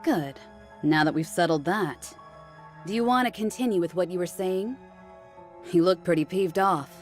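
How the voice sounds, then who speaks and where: Lowish female voice, actress playing sly rogue soldier, cocky, goading, casual, anime game, faint music. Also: normal speed, lightly acted. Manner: casual, taunting, probing.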